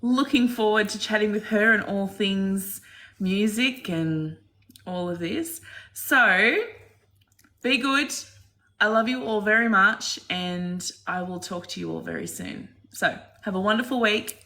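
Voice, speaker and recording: Bright-voiced woman hosting. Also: medium pitch, unhurried. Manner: affectionate, calls people darling and sweetheart. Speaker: host. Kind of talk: casual chat.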